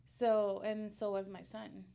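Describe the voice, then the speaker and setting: Gravelly-voiced woman from Puerto Rico. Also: mid-range voice, little pitch movement, mellow, a little hiss or hum. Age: 30s. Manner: halting, laughs often. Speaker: guest. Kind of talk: casual interview.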